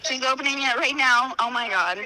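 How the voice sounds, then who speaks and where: Overwhelmed excitable woman from Iowa, very bright. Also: high voice, a little fast, poor audio. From Iowa, USA. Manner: overwhelmed and excitable, exclaiming often. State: crying with joy. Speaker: prize winner on the phone. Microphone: phone.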